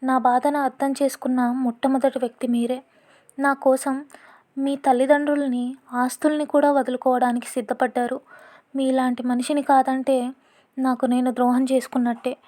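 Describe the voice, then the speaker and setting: A woman's voice: sits high, level tone, normal speed, dark tone, lightly acted. A woman voicing a grieving young widow who speaks with restrained sorrow in an audio story. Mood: sorrowful.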